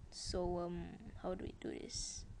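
A gameplay commentator does casual let's-play commentary, chatting with viewers as she plays. Her voice is lowish, totally flat, and unhurried, with a noisy background behind it.

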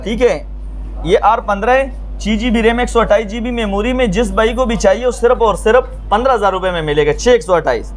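A man with a Pakistani accent giving an eager, repetitive sales pitch to camera as a mobile phone shop seller. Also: a little fast. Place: small open-fronted mobile phone shop stall.

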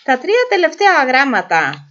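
A woman giving an informal pronunciation lesson who sounds out vowels slowly and repeats them. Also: high-pitched, huge pitch swings, sharp tone. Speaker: language teacher. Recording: dull lo-fi recording.

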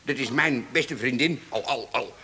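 An actor playing a good-natured, cheeky tramp, on old television audio. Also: male voice, medium pitch, moderate pace, sharp tone, a little hiss or hum. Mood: cheerful.

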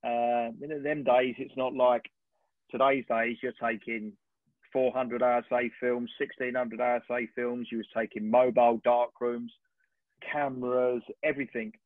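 A man in his fifties, a sports photographer, telling animated stories on a webinar and often clearing his throat. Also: mid-range voice, moderate pace, no echo. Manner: animated, rambling storyteller with frequent throat clearing. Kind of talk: relaxed anecdotal storytelling on a webinar. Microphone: video call. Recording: tinny, dry video-call audio.

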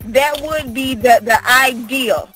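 A woman's voice: sits high, slow pace, over loud music. A woman in a casual podcast chat who speaks bluntly and profanely, often restarting her sentences as she explains.

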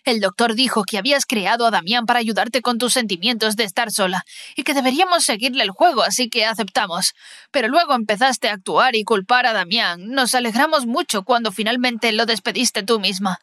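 Woman playing a soft, worried mom in an animated story, bright and fairly high. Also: fairly quick, no echo, clean studio sound. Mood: tender. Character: worried, gentle mother consoling her daughter.

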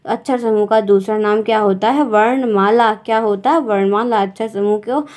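A woman's voice: medium pitch, steady tone, normal speed, a little mellow. A woman teacher, giving an exam-prep grammar lesson and explaining step by step while checking in with her students.

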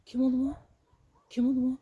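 A woman vlogging while out walking her dog, talking to it in a hushed, fussing way and to her viewers. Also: sits high, monotone, brisk, slightly rough, dull audio. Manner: fussing and soothing, often hushed, then loud and pleading. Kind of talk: casual vlog narration and talking to her dog. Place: outdoors on a street.

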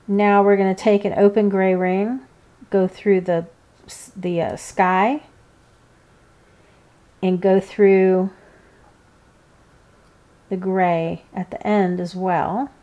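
A woman giving informal, hands-on step-by-step craft instruction, pausing between steps. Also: medium pitch, fairly even intonation, dark tone, dull audio. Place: indoors, seated at a work table.

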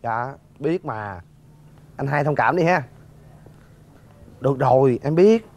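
A man's voice: medium pitch, animated, slow pace, darkish tone. An actor playing a deferential young man, politely begging a creditor for more time in a TV drama. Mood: pleading. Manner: deferential, apologetic. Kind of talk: TV drama acting.

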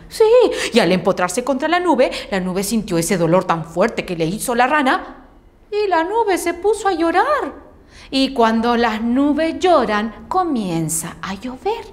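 A woman telling a children's story playfully, with sound effects. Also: fairly high pitch.

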